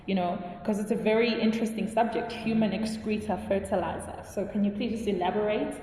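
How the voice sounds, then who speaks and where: A woman's voice: medium pitch, fairly even intonation, a little fast, mellow, slight background noise. A woman hosting a science podcast, asking curious, encouraging questions. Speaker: podcast host. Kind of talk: podcast interview. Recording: echoey room with long reverb.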